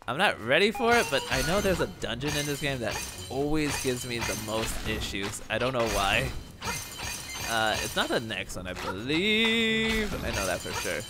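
A tired let's play host gives casual gameplay commentary late at night, yawning now and then. The voice swings high and low, with sudden loud bursts of excitement and frequent stumbles over words. Game music plays clearly underneath. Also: normal speed.

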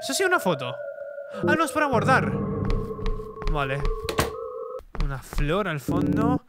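A man's voice: high-pitched, very animated, measured pace, loud music behind the voice. A young man from commenting on a horror game, easily startled and repeating exclamations. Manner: jumpy, reacts with frightened shouts and repeated exclamations. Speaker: gaming streamer.

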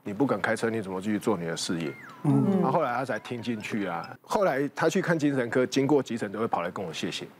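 A man's voice: medium pitch, animated, quick pace, slight background noise. A man, a doctor on a talk show, recounting a patient's case and quoting what he told the patient.

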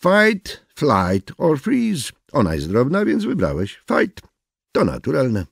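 A man voicing a calm, know-it-all male coworker who explains things in a lecturing way in a storybook reading. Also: mid-range voice, takes it slowly, gravelly, breathy edge, dry recording, studio quality, voice pushed up, full character voice.

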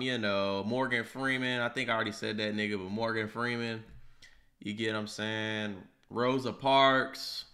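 A young man hosting a casual vlog, teasing his friend, swearing freely and breaking into loud shouts. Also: medium pitch. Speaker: vlog host. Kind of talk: joking casual chat. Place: living room.

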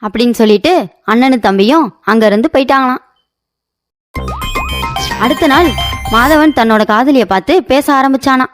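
A woman tells a cartoon story in a plain, folksy way. Her voice sits a little high, with faint music underneath. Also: normal speed, long pauses. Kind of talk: scripted cartoon narration.

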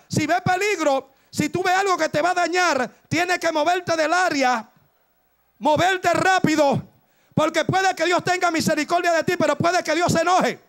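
A man preaches a fervent Pentecostal sermon in a strikingly high voice. His tone is rough and gravelly, and he breaks into shouted bursts of exhortation, hammering the same phrases again and again.

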